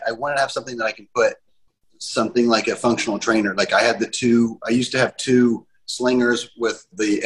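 A man's voice: medium pitch, fairly bright tone, low-quality recording. A man talking loosely and conversationally in a casual hobbyist chat, with casual swearing. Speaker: home gym roundtable panelist.

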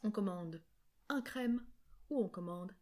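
A woman from France co-hosts a casual bilingual language lesson. She is chatty and playful, laughing often and acting out small everyday dialogues in a mid-pitched voice. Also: unhurried, warm tone. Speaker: French teacher and co-host.

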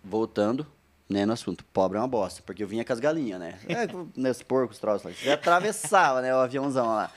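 Man, Brazilian Portuguese accent, fast casual storytelling, middle pitch, repeats words for emphasis. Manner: animated anecdote with repeated phrases and quoted asides.

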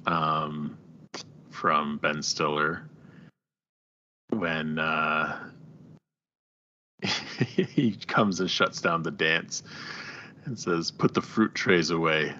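A man's voice: a bass voice, fairly even intonation, very slow, long pauses, bright, forceful tone, highs cut off, slight background noise. A man co-hosting a casual movie discussion, enthusiastic and laughing often as he recounts scenes. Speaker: podcast co-host.

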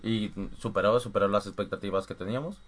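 A man's voice: fairly low pitch, fast. A young man from co-hosting a casual podcast, laughing often and telling stories with energy. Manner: laughs often, animated storytelling. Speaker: podcast co-host.

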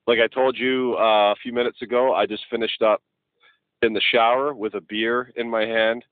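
A man's voice: medium pitch, flat delivery, moderate pace, dry recording. A man about forty hosting a podcast, chummy and hesitant with many restarts. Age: 30s. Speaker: podcast host. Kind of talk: casual podcast chat. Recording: dry, tinny phone-like sound.

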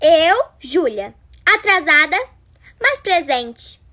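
A woman's voice: high voice, sing-song, slow pace, bright, forceful tone, exaggerated voice. A woman playing a chatty, dramatic little girl who loves spooky tales, in a children's horror audio drama. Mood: theatrical.

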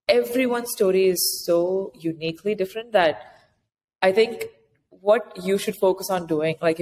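A fairly low, slightly mellow female voice belongs to an interview guest, an author guiding immigrant founders. She talks conversationally, explaining practical advice. The audio carries a hall-like echo along with distinct background noise.

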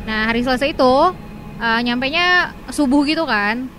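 A woman's voice: sits high, moderate pace, background noise. A woman from Indonesia chatting and telling personal stories as a podcast co-host, colloquial, with English words mixed in. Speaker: podcast co-host, works in broadcasting. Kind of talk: casual chat, personal storytelling.

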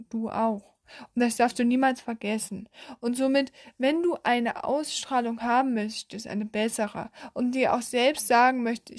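A young woman gives a motivational talk, earnest and direct with the listener, often stopping to correct herself. Her voice sits a little high. The sound is dry and close, with no room in it. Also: darkish tone, no room sound. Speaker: self-help vlogger.

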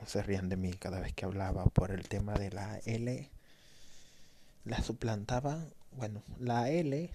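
A man's voice: lowish voice, very noisy. A man from the Dominican Republic with a Dominican Spanish accent touched by a Galician lilt, chatting casually and telling stories about himself with self-mocking humor. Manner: chatty, self-mocking, quoting others in lively voices. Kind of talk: casual anecdotal storytelling.

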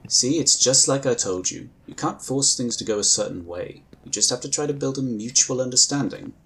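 In a sci-fi audio drama, an actor with a gravelly, mid-range male voice plays a calm, courteous psionic inquisitor, using measured, formal phrasing. The mood is friendly and wry, though the audio is poor, with a bit of hiss or hum.

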